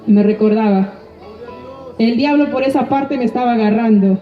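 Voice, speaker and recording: A woman's voice: fairly high pitch, normal speed. A woman giving an earnest, emotional testimony in church, often calling out to her brothers and sisters. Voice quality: repeatedly addressing listeners as brother, sister. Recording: roomy, distant, dull church recording with music.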